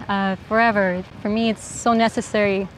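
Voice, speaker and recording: A woman from Puerto Rico, an artist, calmly talking about her work in an interview. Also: medium pitch, normal speed, a little hiss or hum, rough recording. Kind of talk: interview monologue.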